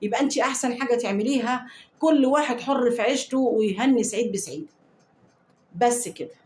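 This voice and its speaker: A woman's voice: a little high, quick pace, darkish tone, echoey room. A woman with an Egyptian Arabic accent telling a first-person story to viewers in an indignant, disgusted way, then giving advice.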